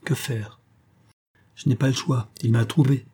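A man's voice: medium pitch, steady tone, a little slow, warm tone, husky. A man voicing a brooding, guilt-ridden male pastor who hides a terrible past. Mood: desperate. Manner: tense, brooding.

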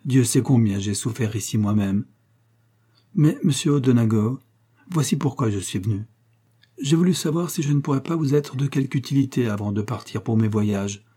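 A man's voice: medium pitch, normal speed, dark tone, breathy edge, close to an everyday voice. A man voicing an emotional, affected middle-aged widow in an audiobook, speaking in a gushing, tearful manner. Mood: earnest. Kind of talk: audiobook character reading.

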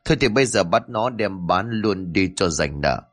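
A brutal gang leader, played by a male storyteller speaks in a cold, menacing way. His voice sits fairly low, with lively intonation. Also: normal speed, faint music behind.

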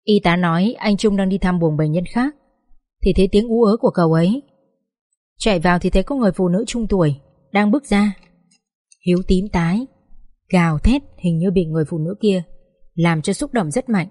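A woman's voice: fairly low pitch, brisk, pauses often, a little mellow, no room sound, studio quality, natural voice. A woman voicing a tired, apologetic middle-aged man in a read-aloud story.

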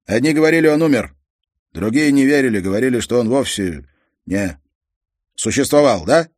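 A man lightly acts the role of a blunt, weary immigrant father, a former engineer with a Croatian accent who talks in broken, insistent sentences. His medium-pitched, darkish voice is pitched above his natural one, with lively intonation at a moderate pace, recorded clean and dry in a studio.

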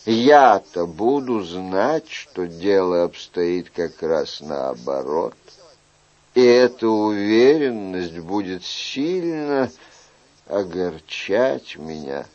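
A man reading an audiobook, voicing a weary, wry middle-aged king in a soft, measured way. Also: low voice, sing-song, highs cut off, voice pushed down, heavily acted.

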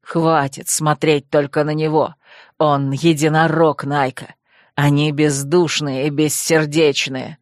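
A woman voicing a passionate young male werewolf in an audiobook, pleading with a low, growling voice. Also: flat delivery, slow, darkish tone, dry recording, clean studio sound. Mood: impassioned. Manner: heated, pleading, bitter. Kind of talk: audiobook character voice.

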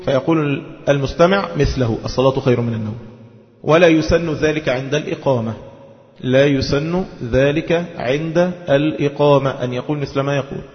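Male religious teacher, chants drawn-out examples, higher voice, muffled recording in a reverberant hall. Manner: teaching in formal Arabic with colloquial asides, chanting examples slowly. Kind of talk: religious lesson with chanted call to prayer. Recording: dull lo-fi audio with long hall reverb.

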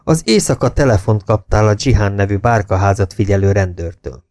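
A man voicing a calm army major who questions a prisoner in a measured way. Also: fairly low pitch, dry recording, studio quality, lightly acted. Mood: cool. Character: cool, patient British army major interrogating.

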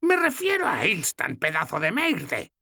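A man's voice: high voice, huge pitch swings, unhurried, vocal fry, bright, forceful tone, breathy edge, dry recording, studio quality, voice pushed up, exaggerated voice. A man voicing a stern, mocking old woman goddess in an audiobook, speaking in a blunt, scolding way. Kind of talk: audiobook character voice.

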